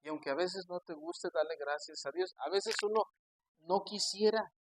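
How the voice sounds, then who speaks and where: A man preaching as a pastor, telling stories and acting out his church members' voices, swinging from hushed storytelling to loud emphatic preaching. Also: high voice, normal speed, slight background noise, rough recording. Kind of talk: sermon.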